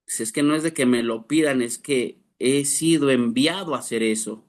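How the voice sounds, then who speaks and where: A man's voice: medium pitch, normal speed. A man, preaching a sermon to his class, earnest, asking rhetorical questions to his listeners. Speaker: pastor teaching a class.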